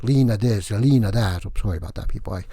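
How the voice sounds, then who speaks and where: A man's voice: fairly low pitch, fast talker, dark tone, no echo, close to an everyday voice. Count Vlad, a man doing a wacky vampire. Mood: aggrieved. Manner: rambling, jokey, self-mocking. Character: boastful male vampire count, wacky comedian. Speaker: comedian character. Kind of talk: comic monologue.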